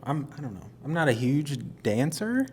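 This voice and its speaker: A man's voice: a little high, big pitch swings, normal speed, slight background noise. A young man co-hosting a casual couple's podcast, teasing dryly and laughing often. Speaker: podcast co-host.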